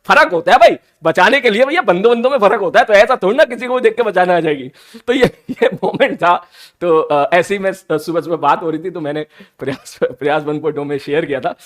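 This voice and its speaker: A man's voice: high voice, fairly quick, fairly bright tone. Guy, playful and teasing, telling a trip story to his class. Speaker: teacher. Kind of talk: casual storytelling.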